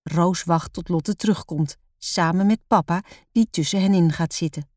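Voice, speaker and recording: A woman reads a children's story aloud in a calm, expressive storytelling voice. Her voice sits on the low side. The recording is close and dry. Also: moderate pace, no room sound. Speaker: narrator.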